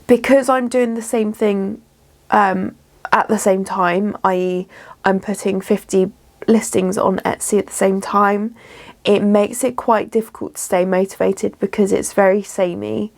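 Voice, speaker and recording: Vlogging casually to camera from her home studio, a chatty small business owner talks at an ordinary middle pitch in a slightly gravelly, creaky voice. Her tone is steady and darkish, and she goes a little slowly, drifting along with easy ums and restarts. A runny nose leaves her slightly bunged up.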